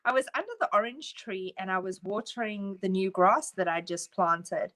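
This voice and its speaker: A woman co-hosting a casual chat, relaxed and laughing often as she tells a story. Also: medium pitch, normal speed, slight background noise. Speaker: co-host.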